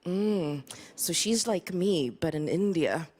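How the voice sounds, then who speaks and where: On a live stage, a Swedish woman performs stand-up with dry, self-deprecating humor and many small hesitations. Her voice is lowish, animated and a little mellow, and she takes her time; faint audience laughter and applause sound in the background.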